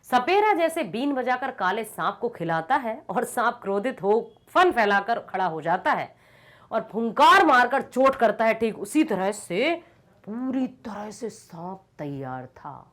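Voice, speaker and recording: Animated woman teacher telling a story. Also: fairly high pitch, measured pace. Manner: dramatic storytelling, asks students questions. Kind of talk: reading and explaining a Hindi story lesson.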